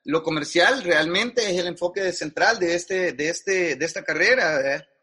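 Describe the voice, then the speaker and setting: Man, middle-aged, husky, higher-pitched, frank, slangy interview guest. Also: moderate pace, sharp tone. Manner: frank, slangy, restarts often. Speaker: guest advertising executive. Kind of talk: casual conversational interview.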